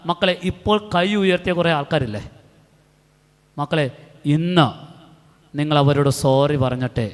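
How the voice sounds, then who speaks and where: A middle-aged man from Kerala with a Malayali accent, giving an animated retreat talk to youth and acting out the people in his stories. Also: high voice. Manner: animated storytelling with acted quotes. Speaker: retreat preacher. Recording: long hall reverb.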